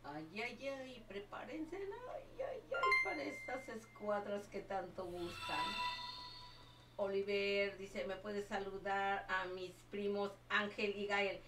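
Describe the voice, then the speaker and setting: A woman's voice: mid-range voice, slow pace, heavy background noise. Doting older woman streaming a game. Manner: doting, calls everyone my child and my love. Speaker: livestreaming gamer. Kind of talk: live game stream chat. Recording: echoey room, far from the mic.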